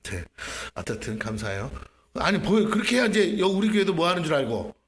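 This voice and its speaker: A man, the senior pastor, preaching a lively sermon in a church, acting out his prayers and questioning the congregation. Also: a little high, brisk. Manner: animated, acts out his own prayers and asks the congregation questions. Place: church sanctuary.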